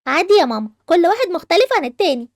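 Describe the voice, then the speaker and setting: A woman with an Egyptian accent voicing a jealous, sharp-tongued young girl in a game movie, whiny and defensive. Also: extremely high pitch, very animated, racing, dry recording, studio quality, exaggerated voice. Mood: sulky. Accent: Egyptian Arabic. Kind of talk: animated game movie voice acting.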